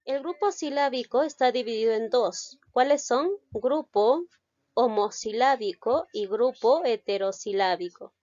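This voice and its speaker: A woman's voice: on the high side, darkish tone, dry recording. Lady teacher going through a lesson bit by bit, keeps checking you follow, dry dull-ish recording. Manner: explains step by step and keeps asking "¿ya?" to check understanding. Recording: slightly dull, dry sound.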